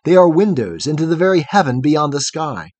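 A frightened, weakened young man, as a male storybook reader acts him out, speaking anxiously and pleadingly in a raised voice. The husky tone swoops through a wide range, and the reading is dry and close. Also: fairly high pitch, big pitch swings, fairly quick, darkish tone, dry recording. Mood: fearful.

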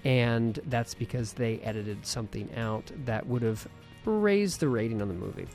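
A man's voice: mid-range voice, expressive, normal speed, a little mellow, soft background music. A man hosting a podcast, chatting casually and rambling with many fillers. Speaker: podcast host.

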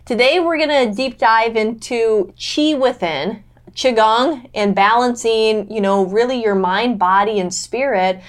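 A woman's voice: a little high, measured pace. A woman hosting a podcast interview, talking with enthusiasm and drifting into long reflective sentences. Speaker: podcast host. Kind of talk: casual interview chat.

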